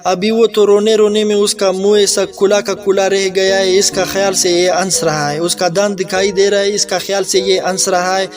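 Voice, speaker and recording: High, flat-voiced man telling a folk tale. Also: few pauses, music in the background. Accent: Pakistani Urdu. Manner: plain, conversational retelling with restarts. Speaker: storyteller. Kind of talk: casual oral storytelling.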